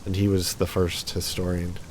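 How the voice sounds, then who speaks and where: A man's voice: low-pitched, monotone, moderate pace, a little mellow, slight background noise. A man hosting a let's play, casually reading game text aloud with chatty asides and small slips.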